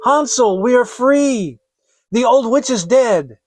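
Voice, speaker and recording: Man voicing an earnest, high-pitched little girl. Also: expressive, slow pace, a little mellow, no echo, exaggerated voice. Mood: joyful. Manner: pleading, earnest. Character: frightened but clever little girl, earnest and kind. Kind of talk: dramatic fairy tale reading.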